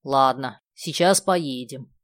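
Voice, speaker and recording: Lady doing a loud breezy bus driver guy, offhand and cheeky, dry close sound. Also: rumbling low, slow pace, no room sound.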